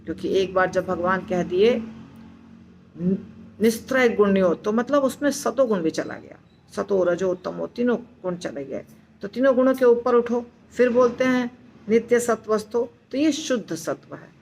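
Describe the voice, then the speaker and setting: A woman teaching recitation, explaining slowly and patiently, repeating words syllable by syllable and reassuring her students. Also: mid-range voice, a little mellow, a little hiss or hum. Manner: reassuring, instructive. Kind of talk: slow explanatory lesson.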